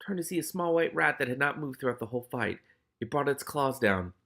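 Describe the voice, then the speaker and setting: This is an expressive, audiobook-style novel reading by a man who keeps breaking off for casual, sweary, exclamatory reactions. His medium-pitched voice is animated, gravelly and fairly bright, running a little fast.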